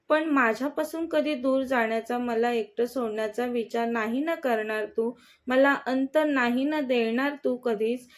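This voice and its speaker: A woman's voice: on the high side, lightly acted. A woman voicing a devoted, anxious young woman in love, speaking earnestly and pleadingly in a storybook reading.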